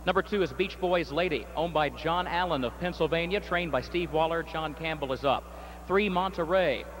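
A high-pitched man calls a harness race outdoors, rattling off horses, owners and positions in a crisp, brisk announcer's delivery. A faint hum of noise sits under the broadcast. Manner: rapid crisp calling, rising excitement in stretch. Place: outdoor racetrack.

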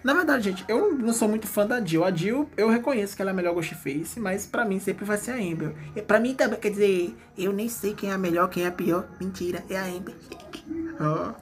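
A man's voice: high-pitched, fairly quick. Chatty man hosting a fan page. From Brazil. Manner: chatty, playful, addresses viewers as gente. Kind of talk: casual celebrity gossip commentary.

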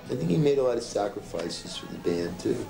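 A man's voice: mid-range voice, very animated, fairly quick, vocal fry, over music, poor audio. A man reflecting thoughtfully in a documentary interview, with some hesitation.

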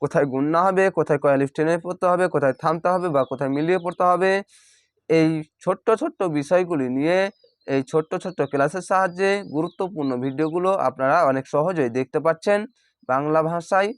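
A man teaching recitation, chanting each word slowly and then patiently spelling it out syllable by syllable. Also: a little high, no room sound. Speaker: Quran reading teacher.

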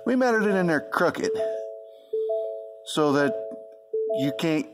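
A man's voice: a little high, expressive, slow pace, loud music behind the voice, voice pushed up. A man putting on the voice of a smug, sarcastic male car designer, in a mock-helpful sing-song.

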